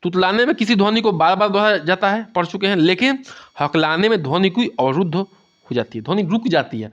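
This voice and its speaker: A man's voice: high-pitched, expressive, fairly quick, a bit bright. A man giving an exam-prep lecture and explaining things with a lot of repetition, often asking "theek hai". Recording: dull lo-fi sound.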